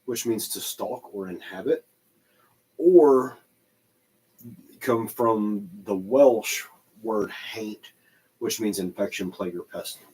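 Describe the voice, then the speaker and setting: A man's voice: fairly low pitch, slow, pauses often, a little mellow, husky, rough recording. A man from Oklahoma, co-hosting a livestream and explaining word origins as if reading from notes. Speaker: paranormal livestream co-host. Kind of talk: casual livestream chat.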